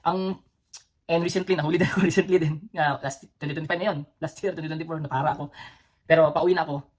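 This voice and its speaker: Fast-talking Cebuano man telling stories. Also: on the high side, fairly even intonation. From Philippines. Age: adult, former soldier with children. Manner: rambling, with frequent fillers and restarts; chuckles between phrases. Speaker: vlog host. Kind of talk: casual storytelling vlog.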